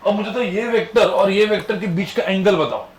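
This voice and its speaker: A man's voice: high voice, brisk. Man quizzing a physics class. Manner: quizzing students with constant rhetorical questions. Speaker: physics teacher. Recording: echoey classroom with faint ambience.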